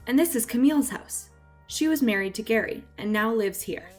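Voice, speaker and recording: Female narrator, scripted family-video voice-over, soft music bed. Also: on the high side, animated, moderate pace.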